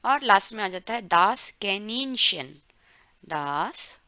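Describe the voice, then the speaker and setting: A woman teaching German vocabulary to learners, repeating words slowly syllable by syllable for pronunciation drills. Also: medium pitch, lively intonation, pushed and bright, clean tone, dry recording. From India. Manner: drawn-out, careful word-by-word pronunciation drills. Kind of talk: explaining vocabulary to learners, mixing Hindi and English.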